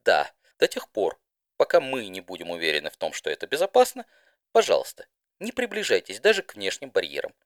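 A man voicing a regal princess mare who speaks in a formal, stately, measured manner. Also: fairly low pitch, wildly swooping pitch, dry recording, clean studio sound. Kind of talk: fan audiobook voice acting.

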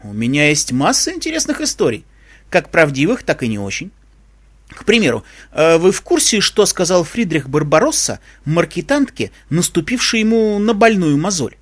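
Brief: male reader doing a witty male ship computer, animated and playful, a bit high. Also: normal speed.

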